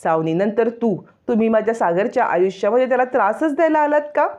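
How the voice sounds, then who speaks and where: A woman's voice: a little high, quick pace, pitched above the performer's own voice, lightly acted. A woman doing a furious scolding mother-in-law. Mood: angry, accusing. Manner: shouting accusations, scolding. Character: furious older mother-in-law, harsh and accusing.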